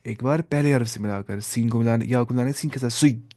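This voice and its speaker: A man's voice: medium pitch, quick pace, warm tone, no echo, clean studio sound. A man teaching Quran reading in a class. He puts questions to the class, answers them himself, and repeats and stretches out sounds to demonstrate them. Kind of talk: classroom lesson.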